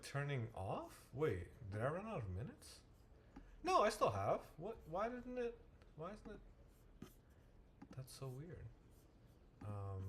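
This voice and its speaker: While waiting on his screen, a math tutor mutters to himself during a casual livestream in a mid-range, fairly bright voice. His thinking aloud is full of restarts and self-corrections.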